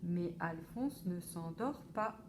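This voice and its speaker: A woman reading a children's picture book aloud for a library, slow and expressive. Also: on the low side, noisy background. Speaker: library storyteller.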